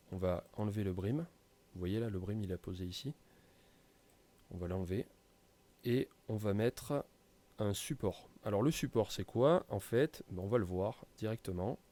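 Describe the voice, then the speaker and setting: A man walks through software settings in a casual tutorial, with many hesitations and fillers. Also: on the low side. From France. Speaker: tutorial presenter. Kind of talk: screen-recorded software tutorial.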